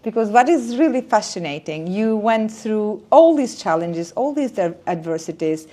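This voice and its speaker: Woman interview host, encouraging, sums up the guest's story, mid-pitched voice. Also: expressive, normal speed, dark tone. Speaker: podcast host.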